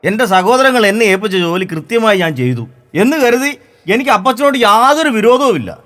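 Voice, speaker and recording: A two-faced son, acted by a young man, making slick, fawning excuses in a very high, bright voice. It is a stage comedy drama. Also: animated, fast. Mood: excusing. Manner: fawning, self-justifying. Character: hypocritical son, feigned grief.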